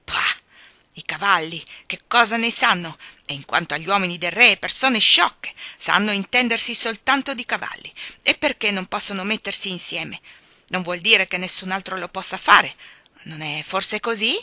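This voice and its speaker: A woman voicing a touchy, indignant little egg-shaped man who shouts his complaints. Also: medium pitch, moderate pace, dry recording. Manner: shouting, huffy.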